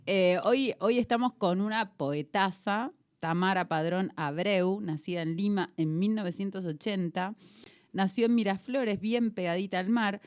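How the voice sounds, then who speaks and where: Chatty radio host, woman. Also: medium pitch. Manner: chatty, laughs easily. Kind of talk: casual radio chat and guest introduction. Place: radio studio.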